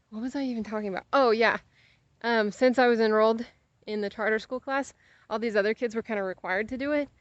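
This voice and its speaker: A young adult American woman vlogs while walking outdoors, chatting casually and rambling with playful exaggeration, often getting sidetracked. Her voice is on the high side, with no echo and the highs cut off.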